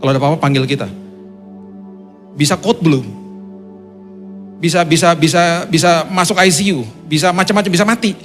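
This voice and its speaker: A male pastor tells his testimony in a sermon, storytelling dramatically and letting his voice climb high when excited. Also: normal speed, long pauses, faint music behind.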